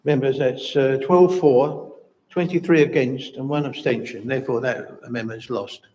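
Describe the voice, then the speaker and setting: A man's voice: medium pitch, darkish tone, poor audio. Man chairing a council meeting. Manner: measured, procedural.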